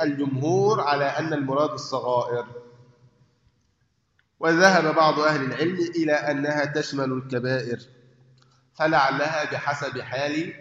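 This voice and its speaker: A man's voice: fairly high pitch, fairly bright tone, slight background noise. A man with an Egyptian accent teaching a religious lesson, explaining by asking and answering his own questions and checking that listeners follow. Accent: Egyptian Arabic. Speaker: sheikh teaching a hadith book. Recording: echoey hall, dull lo-fi sound.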